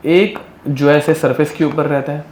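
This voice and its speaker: A man's voice: on the high side, fairly even intonation, unhurried, darkish tone. A male chemistry teacher giving a casual live classroom lecture, mixing English terms into his speech and often checking that students follow. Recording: echoey classroom with faint ambience.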